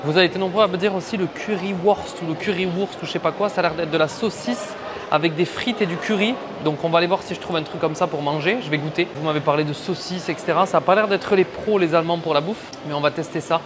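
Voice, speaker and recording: Fast, eager French vlogger man. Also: fairly high pitch, noisy background. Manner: enthusiastic, slangy, talks straight to viewers. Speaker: vlogger reviewing pool robots. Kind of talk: casual vlog at a trade fair. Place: large indoor trade fair hall.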